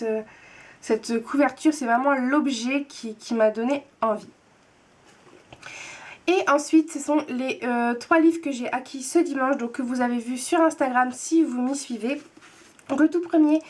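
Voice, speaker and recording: A young woman chatting casually about books as a vlogger, with many fillers and restarts. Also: fairly high pitch. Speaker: book vlogger. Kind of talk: casual book haul chat.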